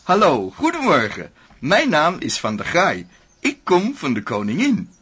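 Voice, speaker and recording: A man's voice: a little high, huge pitch swings, measured pace, fairly bright tone, breathy edge, voice pushed up, full character voice. A man voicing a cheerful, overly polite male tax official with a singsong, friendly manner. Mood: cheery.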